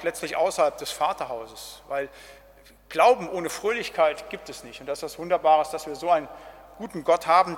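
Pastor with a raised voice in a reverberant hall. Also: male voice, fairly high pitch, a bit bright, husky. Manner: casual, with tag questions "ne?" and "halt". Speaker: pastor teaching a Bible study. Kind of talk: spoken Bible study talk.

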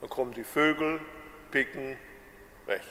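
A man from the Ruhr area preaching a sermon with a Ruhr German accent, slow and measured, drawing out his words. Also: mid-range voice, pushed and bright, roomy sound, big-room sound. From Bochum, Ruhr area, Germany. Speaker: pastor.

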